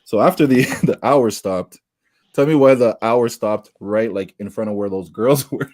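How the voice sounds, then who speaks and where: A man's voice: on the low side, normal speed. A man co-hosting a casual podcast, telling stories with lots of laughter. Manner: laughs through his stories, animated retelling. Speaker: podcast co-host. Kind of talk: casual storytelling chat.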